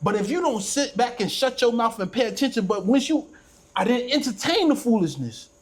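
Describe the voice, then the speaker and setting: Host, male, high voice, preachy and emphatic, casual faith talk. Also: big pitch swings, fairly quick, breathy edge. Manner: preachy, emphatic, repeats phrases. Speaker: podcast host.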